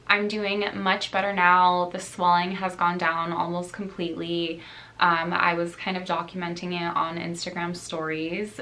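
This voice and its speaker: A young adult woman giving a casual, earnest life update to camera in a conversational way. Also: lowish voice. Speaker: lifestyle blogger and vlogger. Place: small indoor room at home. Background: music.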